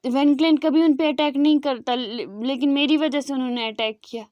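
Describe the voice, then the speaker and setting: A woman's voice: high voice, steady tone, brisk, darkish tone, no echo, dull audio, lightly acted. A woman voicing a grief-stricken young man. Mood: grieving. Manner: pleading, broken speech. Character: grieving young man, guilt-ridden and weeping.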